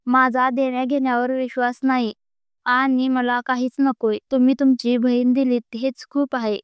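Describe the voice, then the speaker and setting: A woman reading the lines of a reserved young groom who speaks quietly and firmly. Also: high-pitched, little pitch movement, normal speed, clean tone, no room sound, highs cut off, close to an everyday voice. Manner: quiet, firm.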